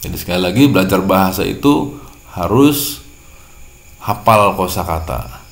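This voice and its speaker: A man's voice: low-pitched, lively intonation, moderate pace, echoey room. A man teaching a language lesson, patiently repeating and translating each word. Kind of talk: classroom-style lesson explaining vocabulary.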